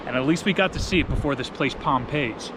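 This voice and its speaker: A man with a mid-range voice speaks a little fast against a noisy background while camping outdoors. He's a New Jersey travel vlogger with an American accent, telling stories in a casual, slangy, playful vlog chat.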